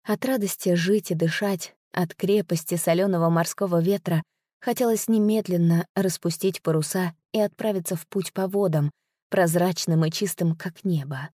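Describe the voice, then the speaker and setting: A woman narrating a story in a measured, unhurried storytelling manner. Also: on the low side, fairly even intonation, mellow, no room sound, studio quality. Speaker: audiobook narrator. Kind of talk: scripted narration.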